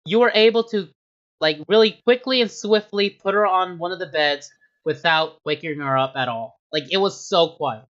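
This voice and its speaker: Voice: medium pitch, normal speed, fairly bright tone. A game master narrating a tabletop game, rambling with many restarts and fillers. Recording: dull lo-fi sound.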